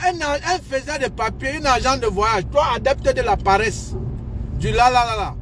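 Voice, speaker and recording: A man's voice: very high voice, moderate pace, fairly bright tone, slight background noise. A man giving casual, emphatic advice in a vlog, repeating his points as he lectures. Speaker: advice vlogger.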